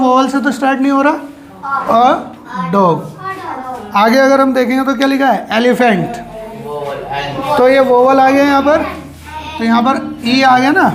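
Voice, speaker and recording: A woman teacher, giving a grammar lesson to children in a classroom. She asks questions and answers them herself, stretching out key words. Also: high voice. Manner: drawn out, slow words for emphasis.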